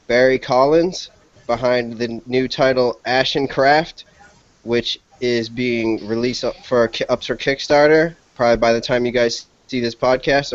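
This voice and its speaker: A man's voice: mid-range voice, no room sound. A man with a Boston accent hosting a casual podcast interview, asking long, rambling questions. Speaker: podcast host. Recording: dull lo-fi dry podcast audio.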